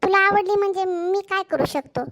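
A woman's voice: extremely high pitch, moderate pace. A woman voicing a bashful, lovestruck cartoon boy. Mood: dreamy. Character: lovestruck shy schoolboy. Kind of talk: cartoon voice acting.

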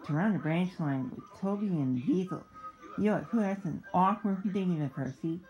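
A woman's voice: lowish voice, normal speed, highs cut off, faint music behind, natural voice. A woman reading the part of a stern older man who runs the railway, speaking severely. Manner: severe, scolding.

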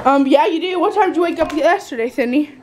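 A young woman talks into her camera for a daily vlog, her voice sitting high. She teases and bickers playfully, keeping it loose and casual. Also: quick pace, a little mellow. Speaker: vlogger. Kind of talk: casual chat.

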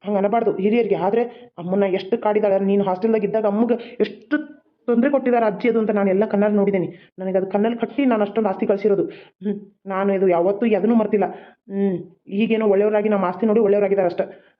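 Cartoon drama: a performer plays a hot-headed rich young man, rapid and exasperated. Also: mid-range voice, steady tone, lo-fi sound, lightly acted. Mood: affectionate. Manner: exasperated, blunt, quick-talking. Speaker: cartoon voice actor. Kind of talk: homemade cartoon drama dialogue.

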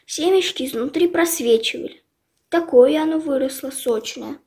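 A woman reading a children's fairy tale aloud in calm storybook narration. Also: high voice, normal speed.

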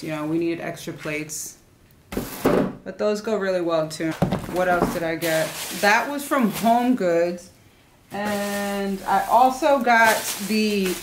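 There's a little hiss or hum behind this mid-range female voice. A young adult vlogger presents her shopping haul at home in the living room, rambling informally to camera and frequently leaving thoughts unfinished.

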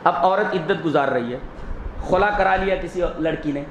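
A man's voice: on the high side, moderate pace, roomy sound, slight background noise, poor audio. A male Islamic scholar giving a religious lecture, speaking emphatically and asking and answering his own questions. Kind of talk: religious lecture on family law.

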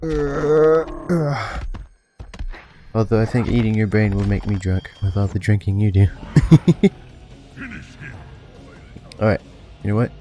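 Over quiet game music, this let's player's mellow, lowish voice runs a loose commentary on his fighting game session. He cracks jokes, curses and mocks the on-screen fighters.

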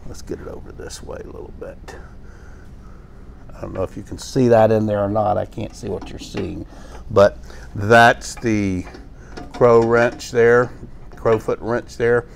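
Working through a hands-on equipment demo, this middle-aged man speaks slowly in a low, steady, creaky voice, leaving long pauses and using fillers and restarts. He teaches pressure washing indoors in a small workshop with tool shelves, and there's slight background noise.

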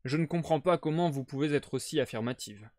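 A man playing a sharp, self-assured male detective, in a brisk, reasoning manner. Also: on the high side, dry recording, studio quality, natural voice. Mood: coaxing.

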